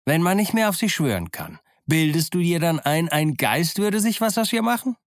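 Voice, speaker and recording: A man voicing a gruff, scornful old one-legged pirate in an audiobook, speaking boldly and loudly. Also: a little high, animated, unhurried, no room sound, studio quality, pitched above the performer's own voice. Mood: mocking. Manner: bold, scornful, loud. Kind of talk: audiobook character voice.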